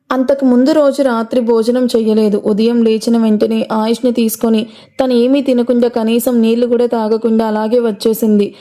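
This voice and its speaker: A woman narrating an audio story in a steady storytelling voice. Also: a little high.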